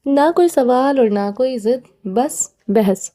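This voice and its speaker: A woman's voice: fairly high pitch, warm tone, lightly acted. A woman reading the part of a menacing, short-tempered young man in a storybook, in a cold, commanding way.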